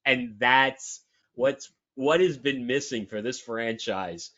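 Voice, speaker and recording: A man's voice: mid-range voice, slow pace, bright, forceful tone. A man co-hosting a sports talk show, chatting casually and emphatically with lots of restarts. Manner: rambling, emphatic, frequent restarts. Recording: dull lo-fi audio.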